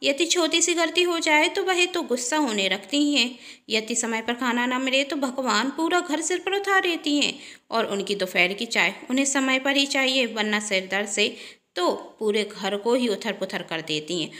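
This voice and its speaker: A woman's voice: high voice, animated, normal speed, sharp tone. A woman doing a sweet-talking scheming sister-in-law. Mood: coaxing. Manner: coaxing, gossipy, falsely sweet.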